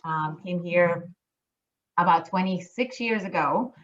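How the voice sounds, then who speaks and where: Speaking slowly in a fairly low voice, a middle-aged woman from Chile, a cruise line business development manager, chats eagerly in a casual interview over video call. She restarts her sentences many times, and the audio is muffled.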